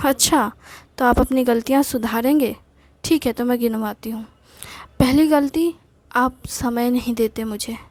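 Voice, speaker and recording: Woman playing an older wife in a spoken story: high, slow, curt and scolding. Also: darkish tone, no echo. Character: older wife, sharp-tongued, scolding but loving. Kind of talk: storytelling with acted dialogue.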